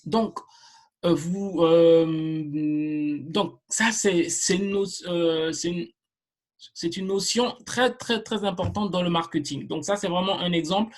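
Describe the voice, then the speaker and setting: Slow, deliberate woman teaching marketing. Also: on the low side, a little mellow. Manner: slow and deliberate, with frequent fillers and repetitions. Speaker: marketing instructor. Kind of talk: online course lecture.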